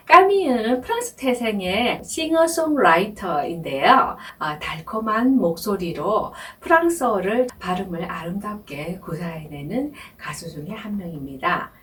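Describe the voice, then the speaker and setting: A woman teaching French pronunciation in a slow, patient lesson, repeating each word and filling pauses with soft sounds. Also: fairly low pitch, distant mic. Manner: patient, repeats words slowly, many soft fillers.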